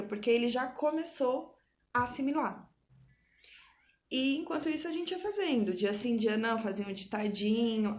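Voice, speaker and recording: A woman, a mother, explaining something to her viewers at home in a casual, chatty way, often tagging her sentences with little questions. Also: a little high. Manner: chatty, frequent tag questions. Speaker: mother and vlogger. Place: at home indoors.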